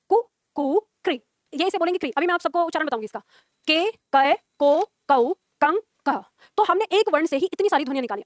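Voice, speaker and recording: A woman's voice: high voice, dry recording, studio quality. A young woman teaching a Hindi class, explaining pronunciation patiently, repeating points and drilling sounds aloud.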